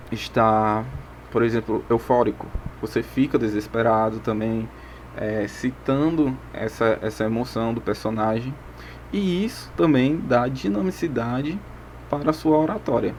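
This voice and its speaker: A man's voice: mid-range voice, unhurried, a little mellow, slight background noise. A male teacher with a Brazilian Portuguese accent gives a recorded video lesson, explaining step by step and often checking in with "ok?" and "tá certo?".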